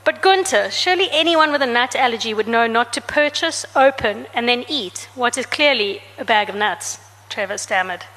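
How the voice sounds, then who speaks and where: At a book talk held in a reverberant hall, a woman author from South Africa reads aloud from her comic novel. Her intonation is lively and her speed normal, and she changes pitch and volume for each character's dialogue.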